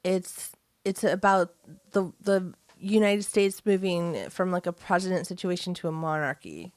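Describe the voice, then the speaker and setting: A podcast co-host chats casually with a lower, expressive voice that moves a little slowly, occasionally reading listener mail aloud. The recording has no echo.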